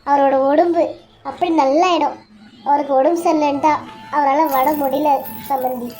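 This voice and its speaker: A woman's voice: high-pitched, steady tone, moderate pace, a little mellow, faint music behind, close to an everyday voice. A woman voicing a polite, thankful middle-aged mother speaking to her in-law in a family serial drama. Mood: grateful.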